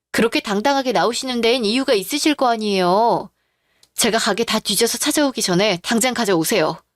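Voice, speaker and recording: A woman's voice: a little high, dry recording, studio quality, close to an everyday voice. A woman voicing a betrayed wife in a radio drama, confronting her in-laws in a demanding, confrontational way.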